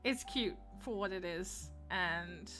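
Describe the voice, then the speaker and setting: A woman's voice: lowish voice, takes it slowly, pushed and bright, soft background music. A woman with a Dutch accent chatting casually on a gaming livestream, giggling often and greeting viewers by name.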